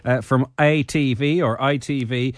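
A man's voice: mid-range voice, steady tone, measured pace, no echo. A man presenting and interviewing on local radio.

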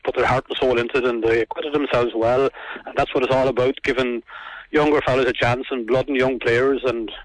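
Male Irish hurling manager as radio interviewee, mid-pitched, plain-spoken and conversational. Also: steady tone, brisk, a little hiss or hum, poor audio. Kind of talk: live sports interview.

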